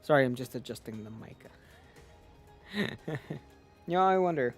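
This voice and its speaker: A man's voice: medium pitch, animated, a little slow, husky, soft background music. Rambling, foul-mouthed male streamer. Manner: rambling, swears a lot. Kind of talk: casual live game stream chat.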